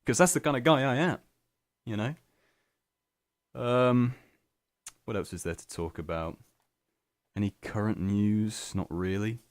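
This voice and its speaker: This student radio host talks in a lowish voice, unhurried and with long pauses, into a studio microphone with no echo. Working solo in a small studio, the young man rambles in a self-deprecating, scatterbrained manner with lots of restarts.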